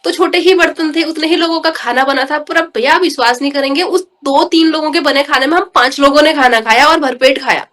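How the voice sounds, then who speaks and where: A woman's voice: high-pitched, fairly quick, few pauses, a bit bright. A woman guest earnestly recounting a personal devotional experience in an interview, often turning to the host as she tells it. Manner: earnest, emotional storytelling, often addressing the host as brother. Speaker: podcast guest.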